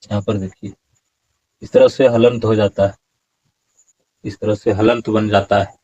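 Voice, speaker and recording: A man teaching Sanskrit verse pronunciation in a slow, explanatory lesson, repeating words syllable by syllable. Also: on the low side, little pitch movement, dark tone, highs cut off.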